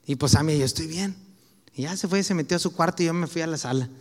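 A man's voice: a little high, rapid-fire, darkish tone, long reverb tail. A man with a Mexican Spanish accent preaching a sermon in a conversational, anecdotal way, full of casual slang.

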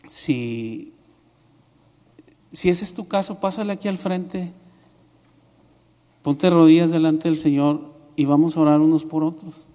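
A man's voice: fairly high pitch, a little slow, long pauses, dark tone. A man preaching a sermon as pastor, telling a story with many fillers and restarts. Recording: long reverb in a hall.

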